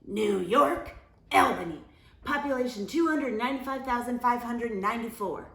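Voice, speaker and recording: Woman acting a loud, boastful bully capybara girl. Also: a little high, normal speed, gravelly, reverberant, voice pushed up. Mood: showing off. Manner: loud, brash, emphatic showing off. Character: huge mean boastful know-it-all young female capybara.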